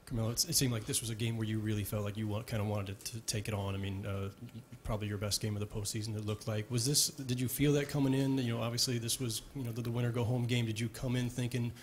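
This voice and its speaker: A man's voice: mid-range voice, fairly even intonation, quick pace, few pauses, slight background noise. A male sports reporter asking long, rambling questions at a press conference. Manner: rambling multi-part questions.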